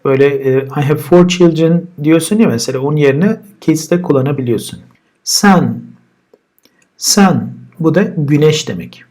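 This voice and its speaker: A man's voice: a little high, brisk, hardly any pauses, dark tone. A man with a Turkish accent teaching English vocabulary, saying each word twice and then explaining it. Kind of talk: vocabulary lesson with pronunciation drills.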